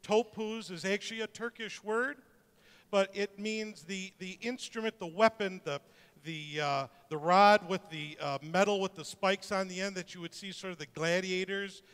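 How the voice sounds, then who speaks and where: Middle-aged man, informal presenter, light self-mocking humor, smooth voice with hall reverb. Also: high voice, fairly even intonation, moderate pace, a bit bright. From Detroit, USA. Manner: joking, conversational, with many restarts. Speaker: speaker presenting to an audience.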